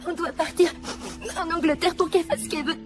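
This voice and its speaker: A woman's voice: extremely high pitch, fairly even intonation. A woman voicing a sulky, defiant young girl in a dubbed film. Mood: insistent. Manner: insistent, sulky, quick. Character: defiant young girl, angry at her mother. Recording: film soundtrack with loud music.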